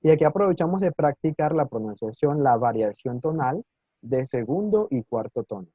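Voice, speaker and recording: A man teaching a live online Mandarin class, patient and encouraging, often checking in with his students and sounding out words slowly and clearly. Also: mid-range voice, lively intonation, mellow, no echo, highs cut off.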